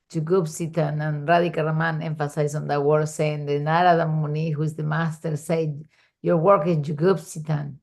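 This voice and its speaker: A woman's voice: sits low, gravelly, a little mellow. A woman leading a study group, explaining a scripture passage conversationally with everyday examples on a video call. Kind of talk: casual teaching explanation.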